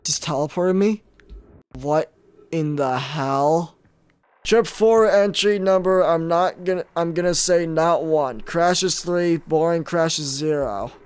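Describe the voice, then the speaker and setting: A man's voice: fairly high pitch, slow pace, clear, resonant tone. Joking young man commenting on his gameplay. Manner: joking, self-talk. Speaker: gaming YouTuber.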